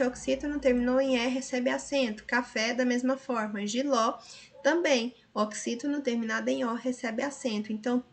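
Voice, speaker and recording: A woman teacher with a Brazilian Portuguese accent, patiently going over answers step by step in a recorded lesson. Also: a little high. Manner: patient, explaining step by step with frequent tag questions.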